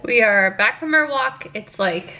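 A woman's voice: on the high side, expressive, a little slow, lo-fi sound. A woman filming a casual home vlog, talking chattily to the camera and coaxing her toddler in a sing-song way. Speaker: mom vlogger.

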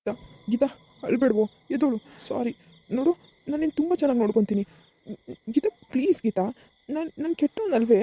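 A woman playing a fast-talking village husband. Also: sits high, expressive, mellow, breathy edge. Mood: coaxing. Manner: brisk, scolding, then coaxing. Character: young village husband, smug then pleading. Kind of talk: comic village skit acting.

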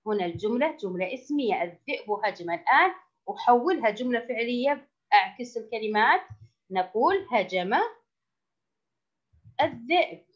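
معلمة تشرح لأطفال بصوت تسجيل باهت. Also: female voice, fairly high pitch, lively intonation. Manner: asks the children questions and praises answers, stretching key words slowly. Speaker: first-grade Arabic teacher. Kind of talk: recorded classroom lesson for young children. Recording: dull lo-fi recording.

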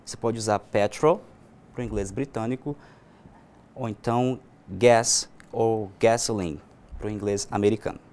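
A man with a Brazilian Portuguese accent teaching a recorded online English class, explaining each point and saying example words slowly. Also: fairly low pitch, darkish tone.

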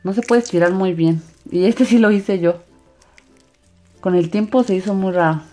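With a warm, medium-pitched voice at normal speed, the host of a slime craft channel narrates a hands-on children's craft video, sounding enthusiastic and sing-song. Music plays in the background.

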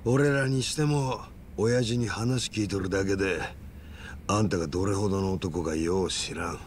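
In a dramatic video game cutscene, a man voices a calculating, menacing yakuza who speaks with a Kansai accent and uses polite phrasing to deliver blunt threats. His tone is challenging and lightly acted, his voice low, his pace moderate. A faint hiss or hum is audible.

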